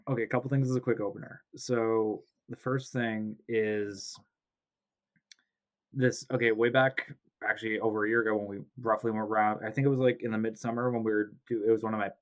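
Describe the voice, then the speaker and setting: Man with a sore throat, low voice, flat delivery, rambling podcast chat, home mic. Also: brisk. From Canada. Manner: rambling, self-correcting, joking. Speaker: podcast host. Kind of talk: casual chat. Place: home, recording remotely. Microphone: home mic, video call.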